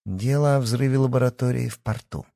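A man voicing a secretive, determined young woman who speaks low and conspiratorially in an audiobook. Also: fairly quick, vocal fry, dark tone, no room sound, studio quality, close to an everyday voice. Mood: hushed. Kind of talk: audiobook character reading.

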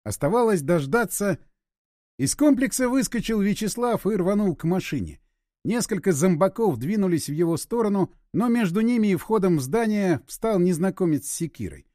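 Male audiobook narrator, high and animated, dry close sound. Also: moderate pace, no echo.

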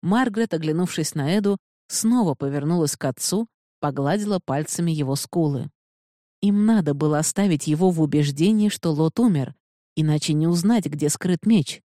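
Low, mellow-voiced woman narrating. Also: normal speed, no echo, clean studio sound. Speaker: audiobook narrator. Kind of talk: scripted narration.

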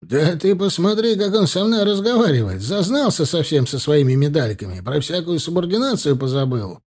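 Brief: a man doing a snide army captain, irritable and scornful, mellow low tone that flares up loud. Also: sing-song, normal speed, lightly acted. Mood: indignant. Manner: scornful, raised voice in outbursts.

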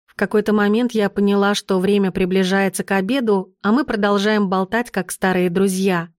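A woman narrating an audiobook in the first person, in a calm and measured storytelling manner. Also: medium pitch, dry recording, clean studio sound.

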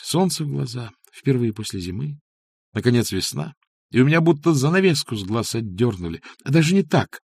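A man's voice: medium pitch, gravelly, breathy edge, no room sound, pitched above the performer's own voice. A male reader voicing a playful, lovestruck woman who teases and orders her man about, in an audiobook. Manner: teasing, bossy. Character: lively playful woman in love.

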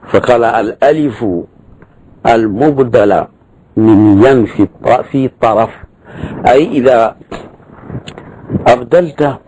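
A man's voice: medium pitch, warm tone, low-quality recording. A man teaching grammar, explaining a verse text in a lecture, repeating key words and prompting with short tags.

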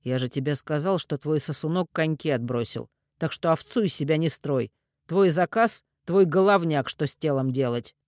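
A man's voice: on the high side, moderate pace, darkish tone, no echo, clean studio sound, close to an everyday voice. A man voicing a crude, mocking middle-aged ex-convict with a cold, sneering manner. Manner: sneering, coarse.

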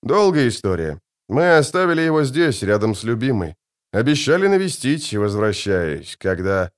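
A man reading an audiobook voices a grim, laconic witcher. He answers tersely and curtly, in a natural male voice with an animated lilt. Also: mid-range voice, normal speed, natural voice. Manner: terse and curt.

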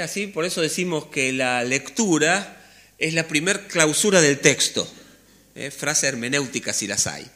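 A man's voice: medium pitch, sharp tone. A man with a Rioplatense Spanish accent preaching a conversational sermon in a church, checking in with listeners and sometimes dropping almost to a whisper. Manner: conversational preaching with frequent "¿eh?" checks, sudden drops to near-whisper. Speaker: pastor.

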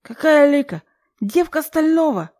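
A woman voicing a domineering middle-aged father, a tycoon who shouts and threatens. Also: high voice, animated, measured pace, pitched above the performer's own voice. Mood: outraged.

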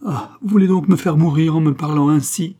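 Guy doing a young woman in love, high and heated, storybook reading. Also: steady tone, a little fast, mellow. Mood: passionate. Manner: vehement, emotional. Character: young woman, passionate and lovesick.

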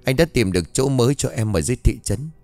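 A man voicing a middle-aged man who soothes and reassures in a low, hushed voice. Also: animated, fast, faint music behind, lightly acted. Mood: soothing, firm.

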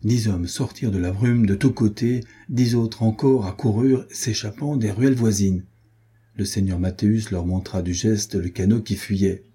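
A man reading a historical adventure novel aloud as an audiobook narrator, in an even, measured way. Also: lowish voice, husky. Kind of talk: scripted narration.

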